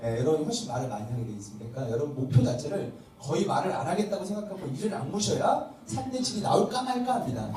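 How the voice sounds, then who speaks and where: Very animated and very fast, hardly pausing, a pastor with a fairly high, slightly mellow voice teaches parenting at church. He quizzes listeners and plays out parent-child conversations. A far-off mic in the echoing welfare hall classroom picks up faint noise.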